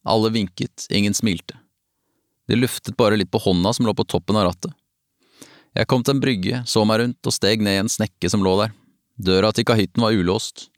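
A man narrating a novel in the first person, calm and even, as an audiobook. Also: fairly low pitch, no echo, studio quality.

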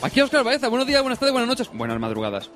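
A man's voice: very high voice, wildly swooping pitch, rapid-fire, fairly bright tone, faint music behind. A man co-hosting a podcast, cracking cheeky, crude jokes and reading a sponsor plug. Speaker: podcast co-host. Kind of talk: casual comedic banter.

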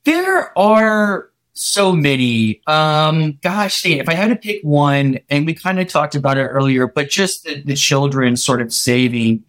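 A man co-hosting a podcast, chatting in a relaxed, agreeable way. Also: on the high side, normal speed, hardly any pauses. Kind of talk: casual podcast chat.

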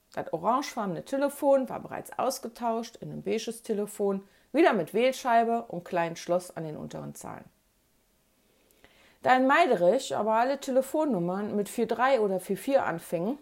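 A woman with a Ruhr German accent telling a childhood memoir in an animated, colloquial way. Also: a little high, creaky. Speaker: narrator. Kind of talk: memoir storytelling.

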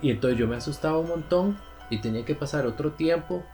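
A man's voice: a little high, fast, mellow, soft background music. A man with a Costa Rican Spanish accent, co-hosting a podcast and telling a story at an easy pace with fillers. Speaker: podcast co-host. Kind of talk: casual chat.

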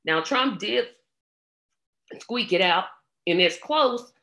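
A woman's voice: mid-range voice, lively intonation, slow pace, pushed and bright. A woman with a scratchy throat giving blunt, exasperated commentary on election results, with plenty of ums. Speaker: political commentator. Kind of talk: casual election-night commentary.

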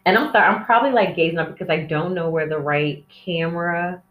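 Woman chatting candidly on her podcast, lowish voice, kinda rambly, far from the mic in an echoey room. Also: fairly quick, a bit bright. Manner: candid, rambling, easily sidetracked. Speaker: podcast host. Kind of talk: casual confessional solo podcast chat. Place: indoor room with plants. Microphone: cell phone set away from her, distant. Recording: echoey room, distant phone mic, dull sound.

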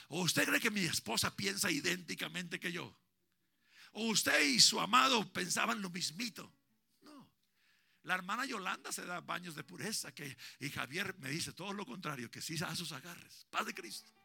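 A man in his sixties preaching a sermon at a church service, swinging from hushed tender talk to shouted preaching. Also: sits high. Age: 60s. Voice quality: gravelly. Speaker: pastor. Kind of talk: Pentecostal-style preaching.

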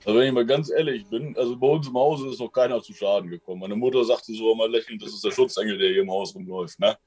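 A man in a casual interview, telling his own experiences in a rambling, colloquial way and often tagging sentences with a quick question. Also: lowish voice, a little mellow, slightly rough, faint music behind. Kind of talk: casual storytelling.

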